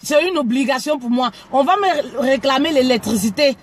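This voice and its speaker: A woman from Cameroon speaks frankly on a casual livestream, her voice sitting high at a normal speed. She often stumbles and repeats words as she goes.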